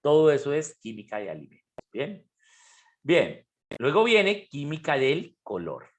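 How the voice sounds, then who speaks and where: A man teaching an online chemistry class, explaining step by step and often asking if students follow. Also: on the high side. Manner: explanatory, asks frequent checking questions. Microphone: computer mic on a video call.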